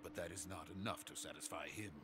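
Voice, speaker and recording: An actor playing an anxious middle-aged Soviet scientist in a video game cutscene, speaking in a formal, deliberate, earnest way. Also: male voice, low-pitched, over loud music, close to an everyday voice. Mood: grave, urgent.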